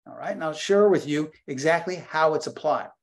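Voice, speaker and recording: A man's voice: a little high, expressive, moderate pace. A man in his sixties giving an online webinar presentation as a trading educator, talking conversationally and repeating phrases for emphasis. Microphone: computer microphone on a video call.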